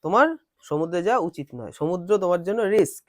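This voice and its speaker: A male teacher giving a classroom lesson. He reads English lines slowly, then explains them and quizzes his students. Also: high-pitched, animated, no echo, clean studio sound.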